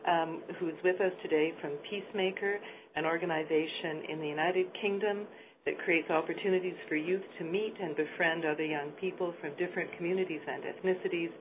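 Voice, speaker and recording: A woman's voice: on the low side, fairly even intonation, brisk. A woman hosting a webinar, introducing speakers in a hesitant way with many fillers. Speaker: webinar host. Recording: noisy webinar call audio.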